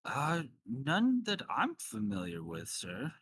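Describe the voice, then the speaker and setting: A man's voice: on the high side, huge pitch swings, takes it slowly, fairly bright tone, breathy edge, full character voice. A man voicing a rambling, hesitant professor with a formal, polite manner in a tabletop game. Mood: hesitant, explaining. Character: rambling, polite male professor at a draconic college.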